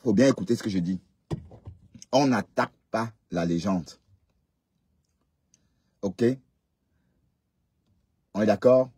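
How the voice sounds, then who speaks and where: A man's voice: fairly low pitch, takes it slowly, pauses often, dark tone, husky, no room sound. A man hosting a live stream, chatting casually and lecturing his commenters. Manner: chatty, scolding, addresses commenters directly.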